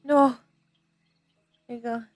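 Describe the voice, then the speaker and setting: A woman's voice: fairly high pitch, level tone, takes it slowly, soft background music. A woman streamer chatting playfully in role-play, with childlike, repetitive baby-talk phrasing. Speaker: streamer role-playing in a virtual world. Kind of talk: playful gamer chat, in-character role-play.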